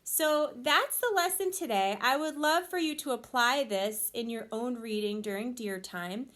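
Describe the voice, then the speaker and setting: A woman teacher reading a picture book aloud to her class and explaining the lesson, with expressive storytelling. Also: a little high, unhurried.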